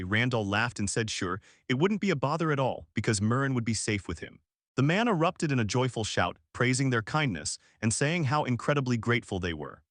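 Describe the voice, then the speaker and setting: A man's voice: medium pitch, fairly bright tone, no room sound, studio quality. A man narrating a story recap in a dramatic, punchy scripted read.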